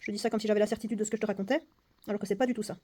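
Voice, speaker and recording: A woman's voice: mid-range voice, fairly even intonation, rapid-fire, warm tone. A woman solving a puzzle game on camera, thinking aloud, counting under her breath and mocking herself. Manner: mutters numbers to herself, often dropping to a whisper. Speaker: board game vlogger. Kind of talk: casual puzzle-solving vlog.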